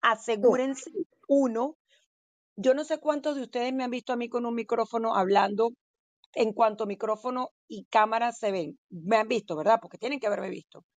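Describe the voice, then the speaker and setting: Mujer enfática de voz algo aguda. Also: female voice, fairly high pitch, moderate pace, dry recording. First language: Spanish. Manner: emphatic, addresses the audience directly with questions. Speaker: real estate seminar expert. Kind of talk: instructive panel talk.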